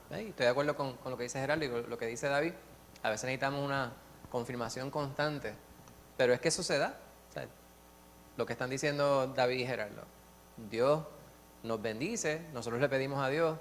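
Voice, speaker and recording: A man sharing at a church Bible study, earnest and lively, telling stories with many restarts and asides. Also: medium pitch, a little hiss or hum. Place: church classroom.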